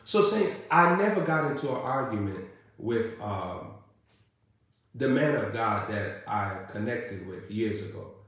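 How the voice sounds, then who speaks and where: A man preaching a sermon, building through emphatic repeated questions and then dropping to a low, intimate tone. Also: lively intonation, unhurried, fairly bright tone. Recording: very echoey room.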